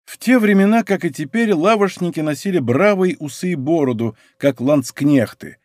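A man narrating a historical adventure novel in expressive scripted storytelling. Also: a little high, moderate pace, dry recording, studio quality. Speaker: audiobook narrator.

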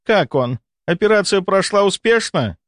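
A man voicing a haughty high-voiced countess. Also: expressive, moderate pace, fairly bright tone, dry recording, clean studio sound. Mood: anxious. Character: anxious haughty aristocratic countess, woman. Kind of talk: audiobook character voice.

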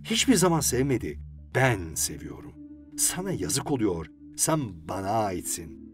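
A man reading as a jealous young sailor, urgent and sulky like a spoiled child. His voice moves lively up and down, and music plays behind. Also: lowish voice, measured pace.

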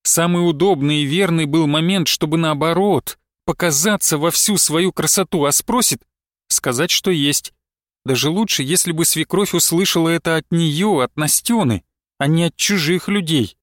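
A man narrating literary prose in a measured, expressive audiobook reading. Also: a little high, no echo, clean studio sound.

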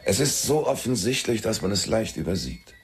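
Low, dry male narrator-detective. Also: big pitch swings, moderate pace. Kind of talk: radio drama narration.

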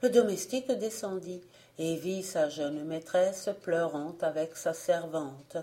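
A woman reading a folk tale aloud as an audiobook narrator, gentle and even. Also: low-pitched, measured pace. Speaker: audiobook reader.

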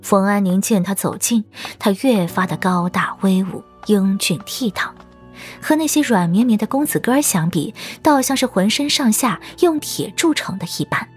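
Woman narrating an audiobook over soft music. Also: mid-range voice, lively intonation, normal speed. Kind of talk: scripted audiobook story narration. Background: background music.

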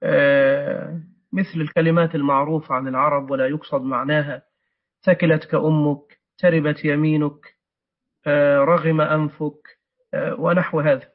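A man's voice: a little high, flat delivery, moderate pace. A man teaching a text, correcting the reader and explaining words, with frequent hesitation sounds. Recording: muffled lo-fi recording.

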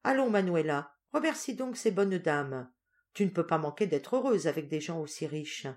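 A woman voicing a greedy, scolding older peasant woman in a storybook reading, with a shrill, grumbling and wheedling manner. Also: expressive, moderate pace, darkish tone, close to an everyday voice.

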